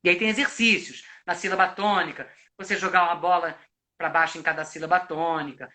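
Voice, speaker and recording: A man's voice: fairly high pitch, steady tone, a little fast, pushed and bright. A Brazilian man, an actor and coach, explains at length in a reflective way with frequent restarts, speaking on a live video call. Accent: Brazilian Portuguese. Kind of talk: live video chat, giving advice.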